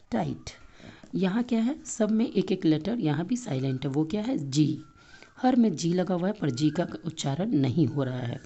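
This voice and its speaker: A woman with an Indian accent teaching young children an English textbook lesson, explaining step by step and repeating words slowly. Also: sits low, mellow.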